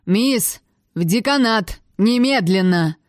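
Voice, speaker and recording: A woman's voice: medium pitch, animated, takes it slowly, no echo, clean studio sound. A woman voicing an irritable male university professor who scolds with indignation. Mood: scolding.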